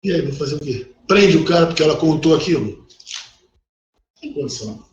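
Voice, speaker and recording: A man's voice: fairly high pitch, a little fast, far from the mic. A middle-aged man with a Brazilian Portuguese accent teaching law in a recorded online class, talking bluntly and acting out the people he quotes. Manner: blunt and animated, acts out quoted voices. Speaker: law professor. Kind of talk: recorded online lecture, conversational. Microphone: online class call. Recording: dull, echoey audio with faint noise.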